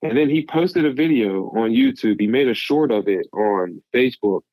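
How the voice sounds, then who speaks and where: A man's voice: medium pitch, animated, normal speed, dark tone, no room sound, poor audio. A man talking casually as a podcast guest, giving advice in an emphatic, rambling way.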